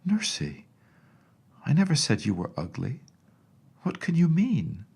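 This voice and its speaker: Man acting an earnest little princess, pitched up. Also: huge pitch swings, a little slow, gravelly, darkish tone, husky, exaggerated voice. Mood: protesting. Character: earnest, indignant little princess, a young girl. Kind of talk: acted storybook dialogue.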